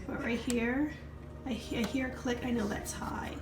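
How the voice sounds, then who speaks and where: A woman's voice: a little high, fairly even intonation, normal speed, roomy sound. A woman vlogger with a cold, casually explaining a cooking routine step by step as she handles things in her home kitchen. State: has a cold. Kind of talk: casual vlog demonstration. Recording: noisy home kitchen recording.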